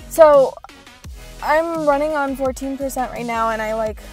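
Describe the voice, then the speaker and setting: A woman's voice: high-pitched, unhurried, a little mellow, faint music behind. A young woman with a Valley girl accent, chatting casually and upbeat to her vlog viewers, full of likes and ums. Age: young adult. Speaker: vlogger.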